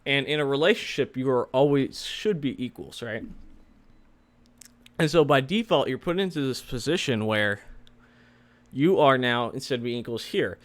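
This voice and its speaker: Male vlog host, medium pitch, casual rambling explainer, light slur from wearing retainers. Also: expressive, normal speed, long pauses. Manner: slightly slurred speech from wearing retainers. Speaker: host, software developer giving career advice.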